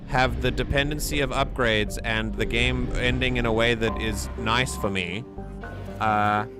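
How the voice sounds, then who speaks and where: A man's voice: mid-range voice, steady tone, unhurried. A man doing casual live gaming commentary as a streamer, rambling along in a jokey, giggly way. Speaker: game streamer. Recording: game music behind the voice. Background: video game music.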